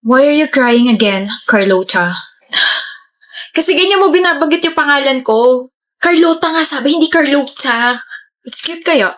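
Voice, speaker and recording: A woman's voice: high-pitched, lively intonation, normal speed, fairly bright tone. A woman acting out scripted POV comedy skits, switching between playful characters. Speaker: comedy skit creator.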